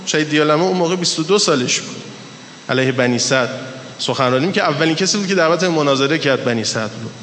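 A man with a fairly high voice delivers an emphatic storytelling sermon, drawing out his stressed words. His voice rings through a large echoing hall with a long reverb tail. A faint hiss sits underneath. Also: lively intonation, fairly bright tone. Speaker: preacher.

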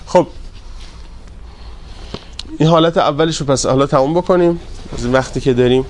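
A man teaching a grammar class, drawing out word forms slowly and asking his students questions. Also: on the high side, darkish tone, slight background noise. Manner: drawn-out repetition of word forms, quizzing students; polite and deferential to the class leader.

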